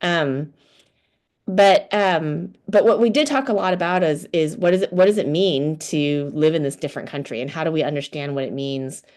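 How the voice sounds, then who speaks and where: A woman's voice: sits low, moderate pace, darkish tone. A woman from the United States, a political science professor, giving a conversational, thoughtful online lecture over a video call. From United States (Houston, Texas).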